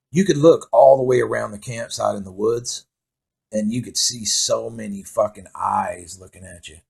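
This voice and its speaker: A middle-aged man whose voice is lowish, gravelly and slightly raspy tells a loose, rambling story, swearing constantly. He keeps a plain, casual pace and laughs at his own tale now and then.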